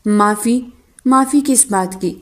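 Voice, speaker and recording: A woman's voice: medium pitch, close to an everyday voice. Woman reading as a betrayed young wife, bitter and accusing, romance audiobook. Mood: puzzled. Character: wronged young wife, hurt and angry.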